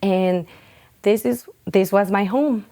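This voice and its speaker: In a documentary testimony interview, the young founder of a nonprofit from Honduras speaks slowly in a warm, mid-range voice, her account sincere and heartfelt though occasionally hesitant.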